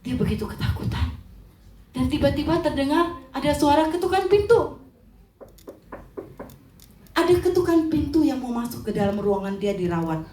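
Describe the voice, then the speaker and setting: A woman's voice: high voice, moderate pace, long pauses, slight background noise. A woman speaker at a church seminar, telling a story in sermon style, acting out the characters and asking the audience questions. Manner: animated, acts out the characters, asks the audience questions. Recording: echoey hall from far off.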